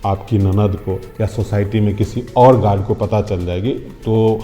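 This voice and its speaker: Actor as an honest middle-aged guard, low mellow voice, polite, respectful, short drama. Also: male voice, steady tone, unhurried, soft background music, close to an everyday voice. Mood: cautious. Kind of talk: scripted short drama acting.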